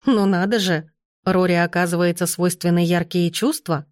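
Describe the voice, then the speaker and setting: A woman's voice: on the low side, fairly even intonation, moderate pace, no echo, clean studio sound, lightly acted. Woman reading a haughty young viscount. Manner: haughty, cold.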